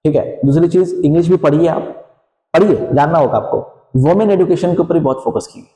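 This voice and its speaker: A man teaches a class, explaining in a mellow voice that sits a little high. He keeps asking questions back to the students and checking they follow. The sound is roomy, with a long reverb trailing off the walls. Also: fairly quick. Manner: explains in Hinglish with frequent "theek hai" check-ins and rhetorical questions. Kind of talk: classroom lecture.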